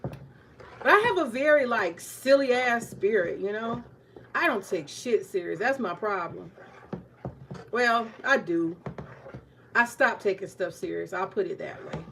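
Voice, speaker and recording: A woman in her forties, the retired-teacher type, chats candidly in her home kitchen for a casual cooking vlog, joking, swearing freely and talking to viewers. Her mid-range voice is gravelly and a bit bright, with lively intonation, a measured pace and long pauses, plus light hiss behind.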